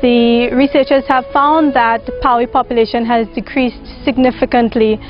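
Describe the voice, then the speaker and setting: A woman's voice: on the high side, fairly even intonation, moderate pace. A young woman explaining as an expert in a nature documentary interview, recorded outdoors. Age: young adult. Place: outdoors among greenery. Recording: slightly dull sound, music underneath.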